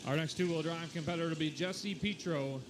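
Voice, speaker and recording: A man announcing a tractor pull live, with showy, drawn-out calls and repeated numbers. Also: a little high, noisy background. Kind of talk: live motorsport announcing over a PA.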